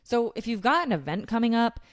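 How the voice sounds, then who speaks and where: A woman's voice: on the high side, sing-song, a little fast. A woman hosting a solo podcast, giving scripted fitness advice in a casual, blunt, sweary way. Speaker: podcast host giving fitness and nutrition tips.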